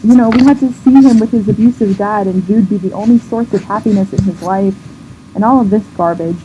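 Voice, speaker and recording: A woman's voice: mid-range voice, fairly quick, mellow. A woman vlogger in an emotional rant to camera, indignant and near tears, swearing and restarting her sentences. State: on the verge of tears. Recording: dull lo-fi sound with faint background noise.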